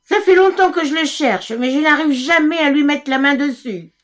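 Woman as high-voiced, exasperated landlady. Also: normal speed, natural voice. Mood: impatient. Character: impatient, exasperated landlady hunting for rent. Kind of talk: comic radio play acting.

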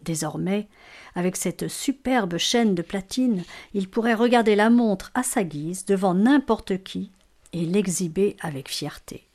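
A woman narrates a storybook with measured, expressive delivery. Her pitch sits in a mid range for a woman. She reads steadily as a storyteller. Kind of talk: storybook reading.

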